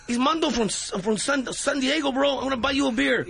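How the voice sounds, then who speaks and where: A man doing a comic impression of an excitable young surfer-bro caller, talking high and excited. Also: a little fast, vocal fry, full character voice.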